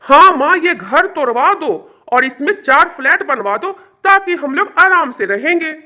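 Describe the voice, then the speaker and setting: A fed-up grown son in an animated story, talking in an exasperated, demanding way. The voice is high and bright for a man. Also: measured pace, heavily acted.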